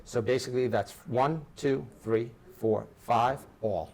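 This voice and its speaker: A little slow and darkish in tone, this medium-pitched male installer guides staff through intercom equipment in an informal demonstration. He breaks it into steps and repeats his phrases often. The workplace room is noisy, with a steady ambient hiss.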